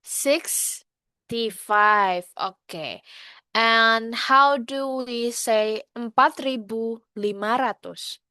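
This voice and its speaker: A woman's voice: a little high, bright, forceful tone, clear, resonant tone, no room sound. A woman with an Indonesian accent teaching English numbers in an online class, switching between Indonesian and English and drilling the words patiently. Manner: patient, slow drills, asks students to answer in chat.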